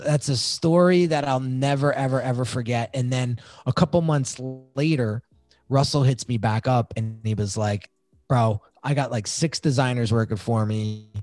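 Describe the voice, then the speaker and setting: A man talking as a podcast guest, telling his own story in an animated, excitable way. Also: medium pitch, no echo, clean studio sound. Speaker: podcast guest, design agency founder. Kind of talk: casual storytelling interview.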